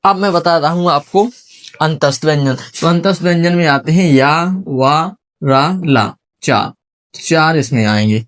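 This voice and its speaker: A man's voice: on the high side, measured pace, fairly bright tone. A man teaching a classroom lesson at a whiteboard, sounding out syllables one by one and quizzing his students.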